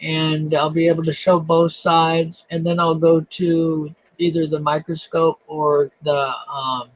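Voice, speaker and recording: Man, fairly high voice, dry webcam sound, casual coin stream host, halting and self-deprecating. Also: flat delivery, no room sound, rough recording. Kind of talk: casual live-stream chat.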